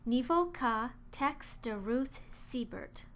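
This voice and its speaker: A woman reading a children's storybook aloud, slowly, clearly and carefully. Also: fairly high pitch, lively intonation, background noise. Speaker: narrator.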